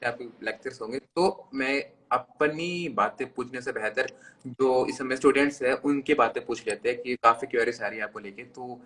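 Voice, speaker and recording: A man's voice: mid-range voice, normal speed, pushed and bright. A man hosting a podcast interview, asking questions politely and deferentially, addressing his guest as sir. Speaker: podcast host.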